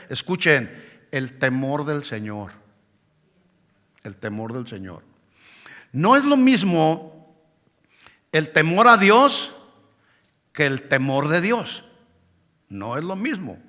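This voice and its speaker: A man preaching a sermon in a church hall, his bright, ringing voice sitting a touch high. He presses his points with emphasis and keeps turning to the congregation for a response. Long reverb trails off each phrase. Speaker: pastor.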